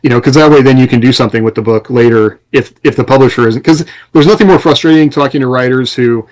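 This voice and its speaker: A podcast co-host and author speaks fast in a medium-pitched voice with a darkish tone. He gives casual, conversational explanations and advice.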